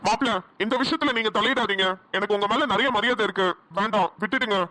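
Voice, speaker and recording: A woman voicing a quick-tempered middle-aged father in a cartoon, speaking with a Kongu Tamil accent, firm at first and later apologetic. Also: mid-range voice, bright, forceful tone, no room sound, lightly acted. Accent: Kongu Tamil (Namakkal). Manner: gruff, then remorseful and pleading. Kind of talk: cartoon voice acting.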